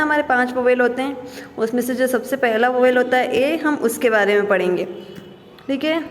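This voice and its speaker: A woman's voice: a little high, slight background noise. A young woman, a school teacher giving a patient lesson to small children, asking questions and answering them herself. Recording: echoey room with reverb.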